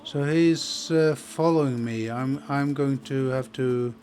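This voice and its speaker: Slow-paced man thinking aloud over a game. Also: mid-range voice, darkish tone, a little hiss or hum. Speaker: gaming video host. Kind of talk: casual let's play commentary.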